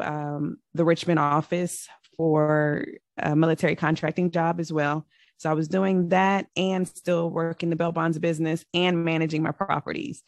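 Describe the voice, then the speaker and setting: A woman's voice: deep voice, no room sound, clean studio sound. A woman from Virginia, a podcast guest, telling her story in an upbeat, chatty way. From Virginia, United States. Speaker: podcast guest, real estate investor. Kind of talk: casual interview talk.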